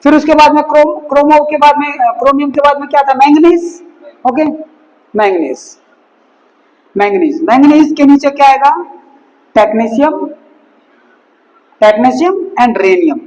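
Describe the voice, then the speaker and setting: A male chemistry teacher who gives a classroom lesson, slowly repeating each term and mixing in words. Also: very high voice, animated, darkish tone. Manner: slow and repetitive, drills each word several times; mixes Hindi with English terms. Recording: long reverb, echoey hall.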